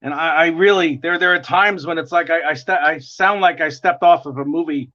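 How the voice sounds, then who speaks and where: An artist livestreams a drawing session, chatting casually as he draws. He's an American man from New York with a gravelly, bright voice, fairly high in pitch and fairly quick, and he rambles and chuckles often. The stream audio is dull and lo-fi.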